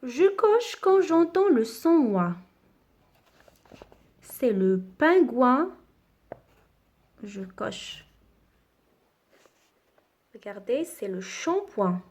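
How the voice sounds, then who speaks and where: A woman leads a children's reading lesson at a very unhurried pace. Her voice sits a little high, and she spells out each sound with care. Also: very animated, a little mellow. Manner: slow, deliberate, spelling out sounds. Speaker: teacher.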